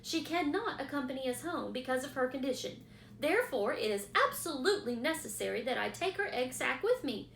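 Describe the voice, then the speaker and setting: A high, fretful young pig brought to life by a woman reader begs and cries out, his voice leaping all over the place. He sounds earnest and close to tears. An echoey room surrounds him. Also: lively intonation, brisk, gravelly, a little hiss or hum, heavily acted. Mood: desperate. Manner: pleading, high-strung, shouting and sobbing.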